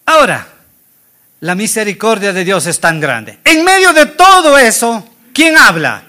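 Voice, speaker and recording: A man preaching a sermon with a very high, bright voice. He speaks slowly, swings his pitch widely and turns to his listeners with questions. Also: sing-song. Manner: dramatic, acts out the Bible scenes; asks the congregation questions. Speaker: pastor.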